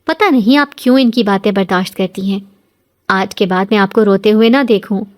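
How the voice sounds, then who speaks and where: Narrator playing a young bride who talks back, blunt, fiery. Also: female voice, medium pitch, close to an everyday voice. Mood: defiant. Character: bold defiant young bride.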